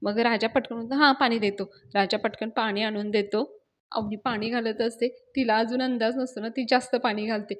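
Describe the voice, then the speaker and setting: A woman's voice: on the high side, brisk. A woman in a casual storytelling recap, chattily retelling a TV serial episode and talking to her listeners. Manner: chatty, animated, addresses listeners. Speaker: TV serial reviewer.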